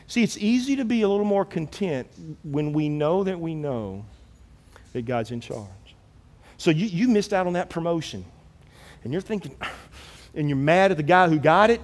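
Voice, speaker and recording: A man preaching a sermon as pastor, animated and acting out quoted biblical figures in his own voice. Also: high voice, long reverb tail.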